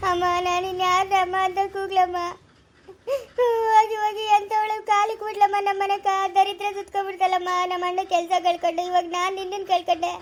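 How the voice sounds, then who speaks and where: A grieving grown daughter, played by a woman in a village family drama, crying with a very high, thin voice and a rural Chikkaballapura Kannada accent. She pleads and reproaches over and over. Faint room hiss sits under the voice. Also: completely flat delivery, quick pace, hardly any pauses. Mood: weeping. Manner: pleading, reproachful, repetitive lament. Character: grieving adult daughter mourning her mother.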